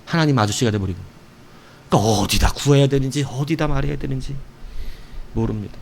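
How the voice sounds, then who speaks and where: A middle-aged male pastor preaching a sermon in a playful, animated way, acting out prayers and quotes. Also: medium pitch, brisk, creaky, slight background noise.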